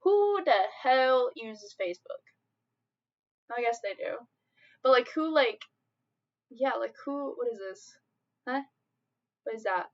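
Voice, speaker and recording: A woman's voice: on the high side, lively intonation, slow pace, long pauses, muffled recording. A young woman from Michigan with a Michigan accent, chatting casually on a live stream, rambling and giggling often. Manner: giggly, rambling, easily amused.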